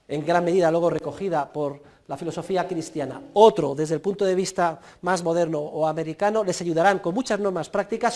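A man's voice: on the high side, darkish tone. A middle-aged man from Spain with a Peninsular Spanish accent, lecturing students and giving them advice in an emphatic, exhorting way with dry humor. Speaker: university lecturer.

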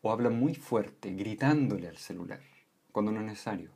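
A man explaining voice and communication in a calm lesson, often checking in with short "¿m?" and "¿ya?" tags. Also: lowish voice, normal speed, husky. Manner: calm, with frequent "¿m?" and "¿ya?" check-ins. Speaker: voice and communication instructor.

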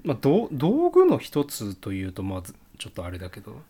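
Kansai man in his thirties, podcast co-host, lively sing-song delivery, mid-pitched, jokey. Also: husky. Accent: Kansai Japanese. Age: 30s. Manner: animated, quick to laugh, jokey. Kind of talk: casual chat.

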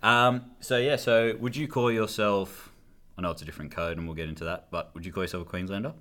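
A man's voice: sits low, fairly even intonation, quick pace, pushed and bright. A man with an Australian accent hosting a podcast in casual chat, telling anecdotes and asking questions. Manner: chatty storyteller, asks interview questions. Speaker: podcast host.

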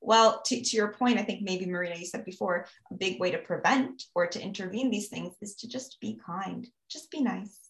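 A woman's voice: medium pitch, normal speed, few pauses, fairly bright tone, roomy sound. A woman, talking earnestly in a casual podcast conversation, giving advice and often adding "you know" and "right?". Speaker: guest speaker on mental health.

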